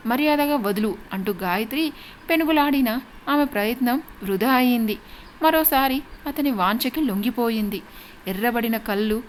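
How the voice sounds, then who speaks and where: A woman narrating a scripted story in a steady, expressive reading voice. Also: fairly high pitch, slight background noise.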